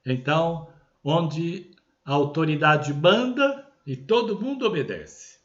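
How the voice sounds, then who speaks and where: A man with a Brazilian Portuguese accent, a bishop giving an unscripted religious teaching, explaining carefully and often checking in with tag questions. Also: fairly high pitch. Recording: dull lo-fi recording.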